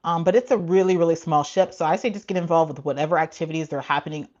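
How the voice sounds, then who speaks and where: A woman's voice: sits low, quick pace, darkish tone, muffled recording. A woman running a casual live-stream Q&A as a cruise travel agent, talking frankly with many asides and frequent laughs.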